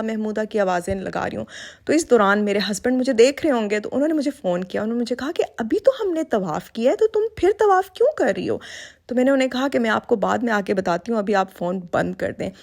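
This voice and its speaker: A woman's voice: fairly high pitch, vocal fry, darkish tone. A middle-aged woman vlogger telling a personal story to her viewers in an earnest, heartfelt way, with English words mixed in.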